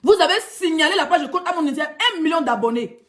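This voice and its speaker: A woman's voice: extremely high pitch, animated, fast, fairly bright tone. A woman blogger with an Ivorian French accent, ranting in a heated, mocking vlog monologue. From Ivory Coast. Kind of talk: ranting social media vlog.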